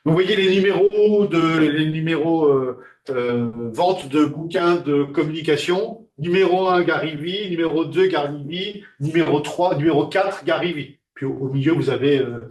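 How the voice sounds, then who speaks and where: Male lecturer, halting delivery with fillers, echoey classroom sound. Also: fairly high pitch, darkish tone. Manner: hesitant, many fillers and restarts.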